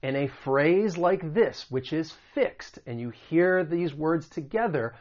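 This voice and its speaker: An American man teaching English pronunciation, patiently repeating example phrases slowly. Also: fairly high pitch, lively intonation, darkish tone, lo-fi sound. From United States. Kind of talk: explaining and demonstrating pronunciation.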